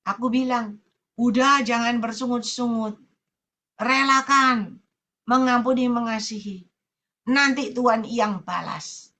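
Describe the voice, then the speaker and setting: Bright-voiced woman preaching with animation. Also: a little high, slow pace, long pauses. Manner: animated storytelling, acting out a tearful congregant. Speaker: evangelist preacher. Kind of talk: sermon with testimony. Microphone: online prayer meeting broadcast.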